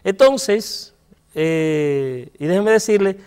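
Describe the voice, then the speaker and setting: A man with a Dominican Spanish accent and a fairly high voice tells his testimony as a priest on a TV interview. He speaks earnestly, dropping low and soft at painful moments. The sound has a long, hall-like reverb. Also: lively intonation, takes it slowly, smooth. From Dominican Republic.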